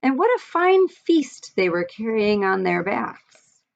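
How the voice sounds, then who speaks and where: Teacher lady reading a storybook to her class, a bit of vocal fry, dull lo-fi audio. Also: mid-range voice, very animated, slow. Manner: friendly, explaining, some fillers. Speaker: teacher reading aloud to students. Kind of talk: picture-book read-aloud. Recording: dull lo-fi recording.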